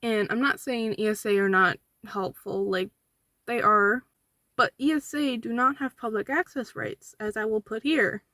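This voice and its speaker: A woman's voice: on the high side, moderate pace, sharp tone, no echo, studio quality. A young woman giving casual, argumentative commentary in reply to online comments, counting off her points indignantly. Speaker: vlogger with a service dog.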